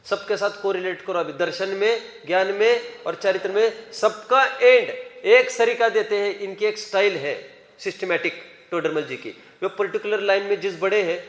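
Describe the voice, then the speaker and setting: A man's voice: high voice, moderate pace, a bit bright. A man teaching a scripture class, questioning students by name and urging them to raise their hands. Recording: echoey hall reverb.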